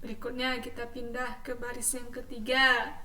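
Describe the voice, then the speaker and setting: High, bright-voiced woman teaching recitation. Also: level tone, moderate pace, echoey room, far from the mic. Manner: patient teacher, chants verses in melodic recitation then explains. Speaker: Quran teacher. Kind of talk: classroom recitation lesson.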